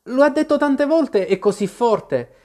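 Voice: sits high, expressive, a little slow, dark tone, voice pushed up. A reader voicing a polite, curious little girl in a storybook reading. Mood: earnest. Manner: polite and earnest.

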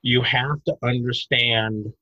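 A man explaining self-defense techniques in a podcast interview, animated and emphatic, breaking into loud mock outbursts. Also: medium pitch, takes it slowly, dry recording, lo-fi sound.

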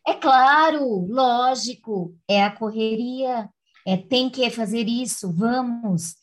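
A woman's voice: on the high side, takes it slowly, low-quality recording. A woman host talking in a chatty, reflective way. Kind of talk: casual chat.

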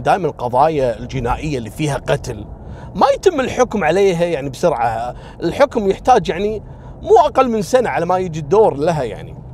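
A man's voice: darkish tone, slight background noise. A man telling a spoken story casually, lifting his voice to act out the characters. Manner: acts out quoted characters with raised pitch.

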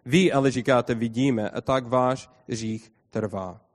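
A man preaching a sermon, reading scripture aloud and explaining it to his congregation. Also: mid-range voice. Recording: long hall reverb.

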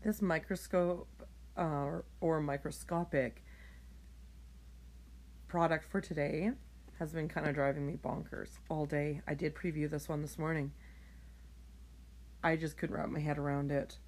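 A woman hosting a late-night solo podcast, tired and yawning, rambling in a chatty, self-deprecating way. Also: low-pitched. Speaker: podcast host. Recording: home recording, phone held up for clip.

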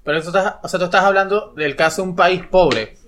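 A man co-hosting a casual podcast, explaining economics insistently and getting loud when pressed. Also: high voice, fast. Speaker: podcast co-host. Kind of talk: casual debate.

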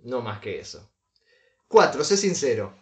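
A man's voice: medium pitch, very animated, measured pace, echoey room. A man co-hosting a casual comedic podcast, reading advice aloud with dry asides and chuckles. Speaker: podcast co-host.

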